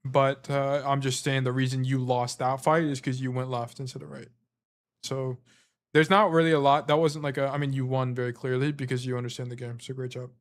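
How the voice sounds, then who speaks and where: This game coach streams gameplay reviews in a casual, meandering style full of fillers, even as his voice is going. His voice is mid-range, his delivery flat and brisk.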